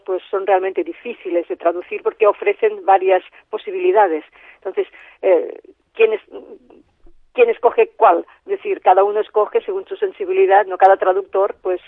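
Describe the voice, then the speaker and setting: Her voice is mid-range with no echo as this Bible translator speaks by phone in a radio interview. She explains her points thoughtfully, often repeating and trailing off, over a tinny line.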